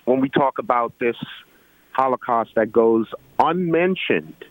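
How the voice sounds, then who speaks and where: An earnest man from Guyana calls in to a talk show, speaking in halting bursts full of "uh" and "you know." His voice sits at an ordinary middle pitch. The line is dry and close, with no room sound. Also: expressive, dry recording, low-quality recording. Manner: earnest, halting with many fillers. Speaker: caller. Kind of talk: call-in radio talk.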